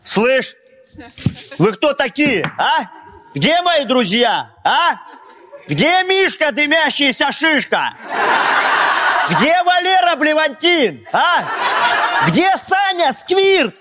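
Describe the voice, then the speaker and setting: An actor playing a rowdy, drunken party-loving friend, loud, slangy and taunting, in a comedy sketch. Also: male voice, extremely high pitch, sing-song, normal speed. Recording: noisy, with audience behind.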